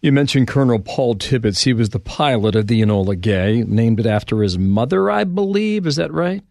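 A male podcast host with a gravelly, mid-pitched voice asks conversational questions. He checks details with his guest as he goes. The sound is dry and close. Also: expressive, brisk, a little mellow, no echo. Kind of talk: podcast interview.

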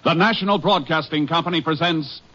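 A man's voice: a little high, fairly quick. A man announcing a 1950s radio drama in a formal, dramatic way. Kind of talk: old-time radio announcing. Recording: dull vintage radio recording with loud music.

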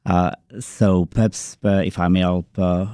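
A man being interviewed in a studio as a medical expert, explaining in a measured, halting way. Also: low-pitched, level tone, warm tone, smooth, no echo. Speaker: guest, neurologist. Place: radio studio.

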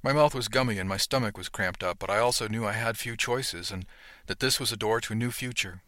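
Low, bright-toned male narrator. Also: brisk, no room sound, clean studio sound. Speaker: audiobook narrator. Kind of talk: first-person audiobook narration.

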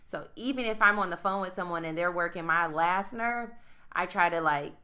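A young American woman co-hosts a podcast, telling a work story in casual conversation at a moderate pace. Her lowish voice is strong, and she's an animated storyteller who acts out both sides of a phone call.

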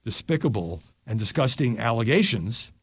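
An older man reads news stories on his podcast, his pitch rising and falling with lively emphasis. He drops his voice low for quick asides. The recording is close and dry, with no room sound. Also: slightly rough, no echo.

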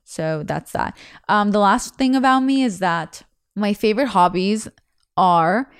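Her voice medium in pitch and clean in tone, a young woman with Russian as her first language hosts a podcast, speaking a little slowly. It's a casual confessional monologue, candid and chatty, rambling and full of restarts, captured in a dry, clean studio recording.

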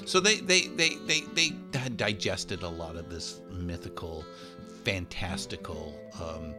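A man's voice: deep voice, expressive, a little slow, loud music behind the voice. A man co-hosting a casual chat, rambling with many restarts and fillers.

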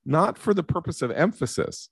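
A man's voice: fairly high pitch, very animated, normal speed, vocal fry, husky, no echo, clean studio sound. A middle-aged man hosting a political talk show, commenting analytically and in long digressions. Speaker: host.

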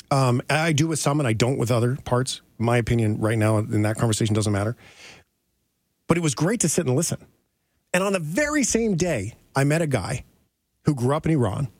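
A man's voice: medium pitch, no echo. A man hosting an interview podcast, telling anecdotes in a rambling, casual way with easy laughs. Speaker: podcast host. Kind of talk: casual storytelling.

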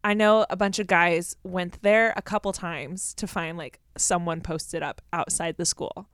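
A young woman co-hosting a chatty podcast, telling stories in animated, colloquial speech peppered with "like". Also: on the low side, a little slow, dry recording, clean studio sound. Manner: animated, colloquial, heavy use of "like". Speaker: podcast co-host. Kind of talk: casual chat and storytelling.

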